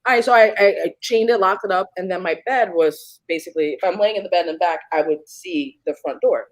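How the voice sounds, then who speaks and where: Woman telling a creepy story on a podcast, lowish voice, super animated, dry close sound. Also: quick pace, dry recording. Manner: animated, acts out moments with sudden pitch jumps. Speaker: guest. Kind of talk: storytelling in a casual podcast chat.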